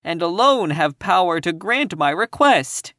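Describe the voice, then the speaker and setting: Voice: medium pitch, very animated, unhurried, fairly bright tone, dry recording, studio quality, pitched above the performer's own voice. A reader voicing a cowardly male lion who pleads earnestly in a raised voice. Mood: pleading.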